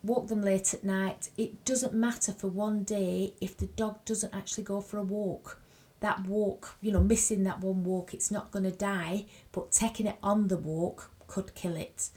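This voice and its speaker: A woman's voice: mid-range voice, fairly even intonation, measured pace, dark tone. A woman from a charity, a radio guest giving advice in a chatty way, full of "you know". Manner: chatty, lots of 'you know'. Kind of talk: casual radio interview.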